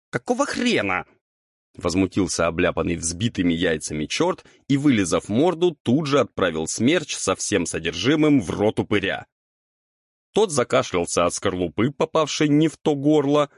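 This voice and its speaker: A man narrating a humorous fantasy audiobook with expressive, lively delivery. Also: fairly low pitch, no room sound, studio quality.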